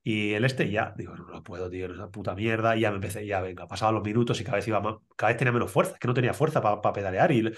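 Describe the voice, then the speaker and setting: A man's voice: lowish voice, very fast, hardly any pauses. A man with a Spain Spanish accent hosting a cycling podcast in casual chat, laughing often and swearing freely. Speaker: podcast host.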